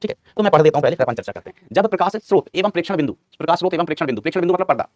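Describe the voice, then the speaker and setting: Male physics teacher, classroom lecture, call-and-response questioning, repeats key terms, fairly high voice, dry sound. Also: expressive, racing, a little mellow, no room sound. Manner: quizzes students and answers his own questions, repeats key terms; calls students son and brother affectionately.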